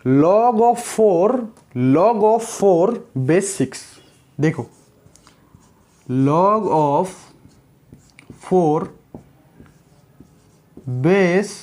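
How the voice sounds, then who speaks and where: A man's voice: on the high side, a little mellow. A young man teaching a casual whiteboard lesson in a chatty big-brother tone, repeating words to drill them in. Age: young adult. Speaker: physics tutor.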